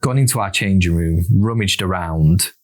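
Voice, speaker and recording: A man with a low Yorkshire voice tells a story the easy way, circling back with fillers and restarts as he goes. He sounds like a relaxed podcast guest chatting in a studio. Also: normal speed. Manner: rambling, many fillers and self-restarts. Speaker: guest, former corner assistant. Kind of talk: casual storytelling.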